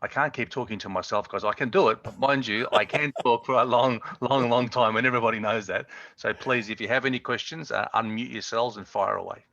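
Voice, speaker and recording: A man's voice: mid-range voice, steady tone, a little fast, vocal fry, few pauses, fairly bright tone, no echo. A man hosting a video call Q&A in a jovial, rambling way full of ums and uhs. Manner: rambling, filler-heavy, jovial. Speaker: session host. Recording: dull lo-fi call audio.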